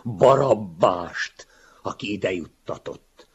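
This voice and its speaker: A man doing a wretched man crying out through sobs, husky and pleading, pitched up from a very deep voice, in a spoken story on a dull lo-fi recording. He begs over and over, desperate and broken. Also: expressive, fairly bright tone, full character voice. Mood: despairing. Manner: sobbing, pleading cries.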